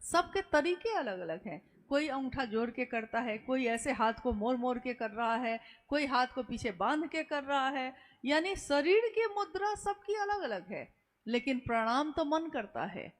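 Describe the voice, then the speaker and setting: A woman's voice: high voice, lively intonation, measured pace. A woman giving an earnest devotional discourse, repeating words for emphasis and taking questions from listeners. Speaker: spiritual speaker.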